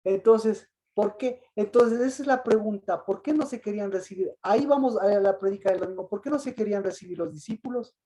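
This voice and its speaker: A woman's voice: medium pitch, fairly quick, hardly any pauses, mellow, poor audio. A woman preacher giving an interactive sermon, asking the congregation questions over and over and acting out the voices she quotes. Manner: asks the congregation repeated questions; acts out quoted voices with rising emphasis.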